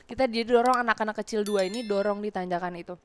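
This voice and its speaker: A woman's voice: medium pitch, fast talker, a little hiss or hum. A young woman from Indonesia, a guest in a casual interview, telling a childhood story and acting out the voices she quotes. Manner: lively storyteller who acts out quoted voices loudly. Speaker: guest, content creator.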